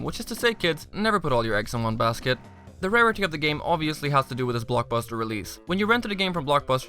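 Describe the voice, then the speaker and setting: A man's voice: medium pitch, bright, forceful tone. A man narrating a scripted game review as host, with wry, sarcastic asides.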